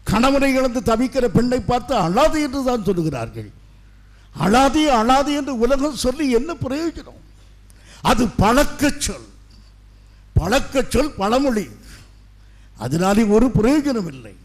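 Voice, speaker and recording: A middle-aged male pastor preaching an impassioned sermon, swinging between loud declarations and hushed asides. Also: extremely high pitch, big pitch swings, measured pace, long pauses.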